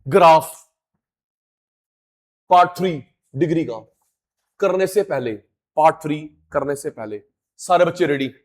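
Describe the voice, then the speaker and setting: A middle-aged man teaching a classroom lecture, animated, chanting terms with drawn-out stress. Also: a little high. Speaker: economics teacher.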